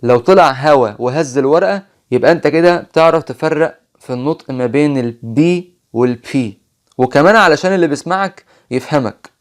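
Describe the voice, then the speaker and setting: A man with an Egyptian Arabic accent teaching an English phonics lesson, patiently repeating example words slowly. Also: fairly high pitch.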